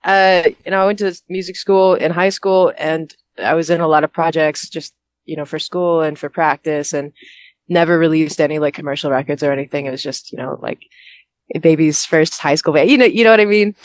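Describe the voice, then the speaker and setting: A woman's voice: low-pitched, brisk. A young American woman, a musician and vocalist, chatting informally and with self-deprecation as she is interviewed on a call. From Houston, Texas, United States. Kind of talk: casual interview chat. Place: on a bus, speaking on a call.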